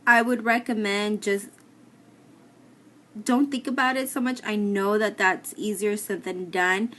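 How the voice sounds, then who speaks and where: A woman's voice: medium pitch, fairly even intonation, a little slow, a bit bright. A woman giving a casual personal update to camera, explaining things plainly with some hesitation. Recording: clear background noise, room ambience.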